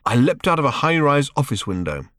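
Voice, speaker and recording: A man's voice: mid-range voice, sing-song, brisk, fairly bright tone, no echo, studio quality, voice pushed up. A man voicing Ford, an impatient, self-regarding alien man, in an audiobook reading. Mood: smug. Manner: clipped, impatient, earnest. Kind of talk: audiobook character voice.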